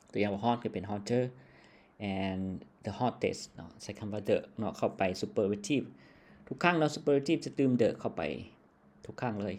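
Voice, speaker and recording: A man's voice: lowish voice, dark tone. A man from Laos teaching English grammar in a patient lesson style, checking in with a short tag word after nearly every phrase.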